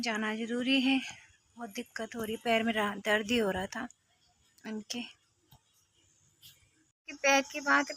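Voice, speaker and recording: A woman's voice: sits high, husky, no echo. A woman talking casually in a home vlog, chatty and a little fretful. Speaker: vlogger.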